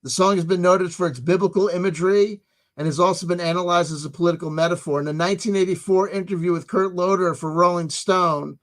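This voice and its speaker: High-voiced, insistent man livestreaming. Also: fairly even intonation, fast talker, fairly bright tone. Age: 30s to 40s. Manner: emphatic, insistent, repeats himself. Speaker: livestream host. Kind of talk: rambling livestream monologue.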